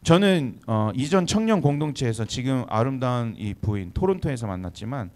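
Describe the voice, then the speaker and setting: A man from Chungcheong, Korea, preaching as a pastor to young adults in a church, talking conversationally with frequent quick affirmations. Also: mid-range voice, lively intonation, a little mellow. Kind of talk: sermon to a young adult congregation. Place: church hall.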